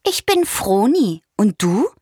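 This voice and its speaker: A woman's voice: mid-range voice, very animated, slow, warm tone, slightly rough, no echo, clean studio sound, voice pushed up, heavily acted. A woman voicing a cheerful little pink female bird in a children's story, talking in a chirpy, bubbly way.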